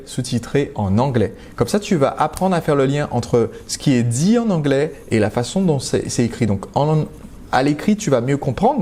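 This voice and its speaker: A man's voice: a little high, warm tone. A man from France hosting a live stream, talking to viewers in a chatty, direct way with frequent hesitations and restarts. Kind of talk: casual live-stream talk.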